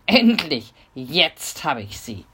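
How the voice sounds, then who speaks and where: A woman reading a children's story aloud, voicing a hoarse, boastful male robber who laughs loudly. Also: big pitch swings, slow pace, full character voice. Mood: menacing. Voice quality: hoarse, booming cackle.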